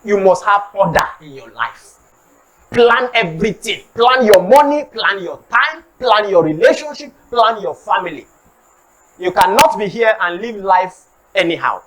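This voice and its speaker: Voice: medium pitch, measured pace, crowd noise, low-quality recording. A preacher with a Nigerian accent who gives a sermon-style talk on time management, mixes in Pidgin, acts out comic street scenes and has the congregation repeat lines. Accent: Nigerian English with Pidgin. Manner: animated, acts out comic street scenes, calls for audience response. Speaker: preacher giving a motivational talk.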